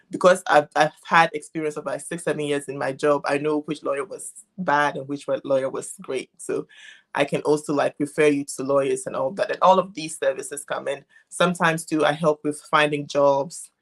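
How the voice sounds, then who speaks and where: A middle-aged woman from Ghana, a legal interpreter explaining things as a guest on a live video call. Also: low-pitched. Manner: explanatory, unhurried with frequent restarts. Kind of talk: casual interview. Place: home in Germany.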